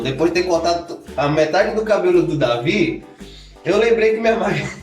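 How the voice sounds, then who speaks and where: A man's voice: on the high side, reverberant. A man in his thirties from Salvador, Brazil, talking casually to his vlog viewers in a chatty, self-mocking way, often restarting his sentences. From Salvador, Bahia, Brazil. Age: 30s. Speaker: family vlogger.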